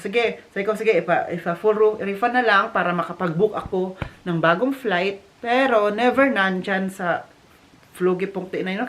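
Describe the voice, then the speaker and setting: A woman from the Philippines vlogging casually from Germany, telling a story with animated restarts and English mixed in. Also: medium pitch. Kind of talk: casual vlog chat.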